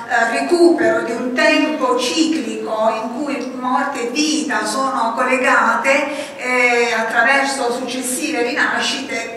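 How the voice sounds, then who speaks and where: A woman author speaking hesitantly at a book presentation, pausing often with fillers. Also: fairly high pitch, fairly bright tone. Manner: hesitant, many fillers and pauses. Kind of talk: hesitant public talk. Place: large lecture hall. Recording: echoey hall, distant mic, faint noise.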